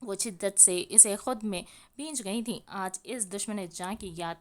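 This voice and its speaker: Woman audiobook narrator, steady expressive storytelling of a romance novel. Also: mid-range voice.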